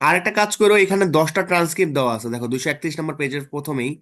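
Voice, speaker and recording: A man's voice: fairly high pitch, lively intonation, very fast, fairly bright tone. A man tutoring students through exam topics in a casual online lesson, often checking in with them.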